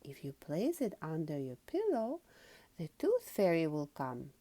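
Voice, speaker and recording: Lady doing mummy pig from a picture book, soft n patient, slow, reassuring. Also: deep voice, wildly swooping pitch, exaggerated voice. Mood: patient explaining. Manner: patient, explaining, soothing. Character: gentle, reassuring mother pig.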